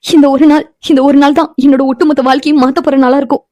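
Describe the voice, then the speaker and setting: An earnest young woman in a cartoon story, voiced by a woman, who begs with urgency. Her voice is very high and quick. The recording is dry and close. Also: little pitch movement, warm tone, no room sound, natural voice. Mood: pleading. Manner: pleading, begging, earnest. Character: young woman Pavithra, desperate and pleading. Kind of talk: cartoon voice acting.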